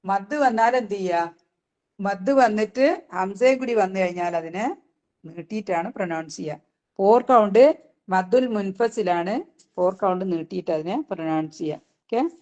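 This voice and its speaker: A woman's voice: medium pitch, darkish tone. Woman running a recitation lesson, patient, keeps asking okay. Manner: explains patiently, often asks "okay?", recites phrases slowly. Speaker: Quran recitation teacher.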